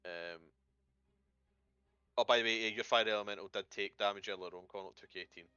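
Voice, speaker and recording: A man's voice: fairly low pitch, steady tone, fairly quick, pushed and bright, clean tone, dry recording, lo-fi sound. A man running a tabletop game, thinking aloud and swearing casually. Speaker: game master.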